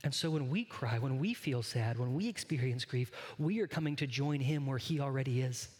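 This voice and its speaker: A man's voice: medium pitch, normal speed, darkish tone, in a large hall. A man pastor giving a sermon, earnest and conversational, often turning to speak straight to his congregation. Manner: conversational, earnest preaching that addresses the congregation directly.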